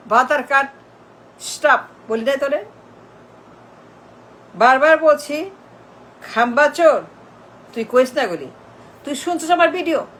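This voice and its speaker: A woman with a high, sharp voice delivers an angry scolding rant to camera. She hammers the same insults and warnings over and over at a single target. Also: poor audio. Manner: repetitive insults and warnings hurled at one person. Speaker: video commentator.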